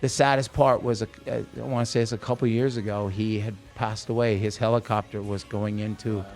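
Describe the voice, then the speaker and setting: A man's voice: fairly low pitch, a little fast, faint music behind. A man telling a long backstage story in a casual interview, acting out the people he quotes. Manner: animated anecdote teller, acts out quoted voices. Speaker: guest musician.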